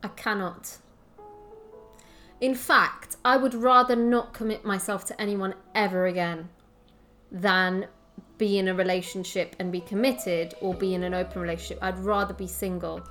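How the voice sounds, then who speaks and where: A woman's voice: mid-range voice, fairly even intonation, moderate pace, a bit bright, soft background music. Blunt, sweary young woman chatting. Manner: blunt, swears freely, laughs often. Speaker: podcast co-host. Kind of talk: casual chat.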